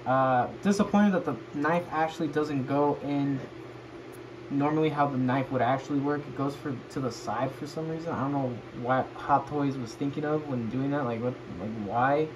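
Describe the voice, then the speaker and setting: A man's voice: mid-range voice, normal speed. A drunk man giving a casual, unscripted toy review, rambling and swearing as he loses track and repeats himself. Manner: rambling and foul-mouthed. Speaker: host of a toy review video. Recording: noisy home recording, clear background noise.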